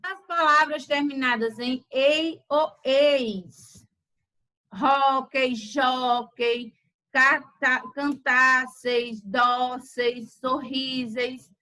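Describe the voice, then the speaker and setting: A woman teacher, slowly dictating words in a grammar lesson. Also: sits high, steady tone, bright, forceful tone, low-quality recording. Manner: slow, deliberate word-by-word dictation.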